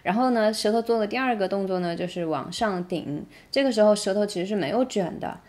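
A woman whose first language is Mandarin Chinese, teaching English song pronunciation in a casual tutorial and demonstrating lyrics slowly word by word. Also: mid-range voice, a little mellow.

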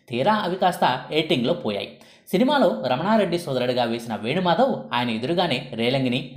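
Lively male narrator in an echoey room. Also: mid-range voice. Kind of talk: scripted documentary narration.

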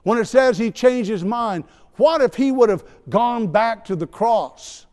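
A man's voice: very high-pitched, lively intonation, measured pace, darkish tone. A man preaching a sermon in a church, talking conversationally with asides and light teasing. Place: church sanctuary. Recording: long church hall reverb.

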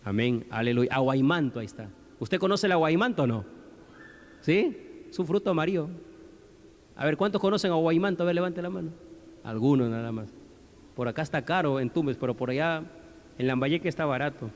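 A man's voice: a little high, expressive, fairly quick. A male pastor preaching in a conversational way, often asking the congregation questions. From Peru. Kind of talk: sermon. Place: church hall. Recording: long hall reverb.

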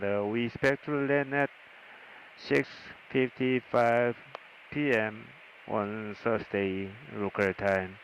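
A man's voice: mid-range voice, lo-fi sound. A man with a Korean accent, an airline captain giving a formal scripted in-flight announcement. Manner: formal, measured phrasing. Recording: hissy aircraft PA.

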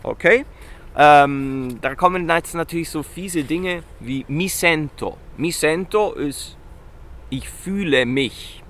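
A man with a fairly high voice giving a relaxed beginner language lesson outdoors in a town. He keeps asking his viewers questions and repeats each example word slowly and loudly. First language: Italian. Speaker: Italian teacher. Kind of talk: casual video lesson.

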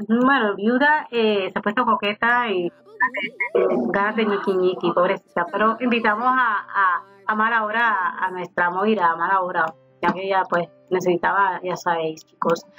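A woman giving casual let's-play commentary, chatting to her game characters as she plays. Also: mid-range voice. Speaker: gaming YouTuber. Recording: slightly dull home recording with faint game music. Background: faint game music.

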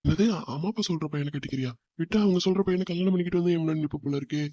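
Actor for a pleading cartoon boyfriend, quick and a little high, dry close sound. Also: male voice, warm tone, no echo, highs cut off, close to an everyday voice. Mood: teasing. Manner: coaxing, apologetic, playful. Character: young man, teasing and pleading boyfriend. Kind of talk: cartoon voice acting.

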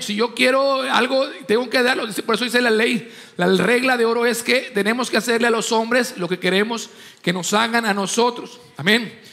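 A man preaches a sermon as pastor. His voice sits very high and bright, with a gravelly edge. It rings with a long reverb through the church hall. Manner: emphatic preaching, acts out voices in anecdotes.

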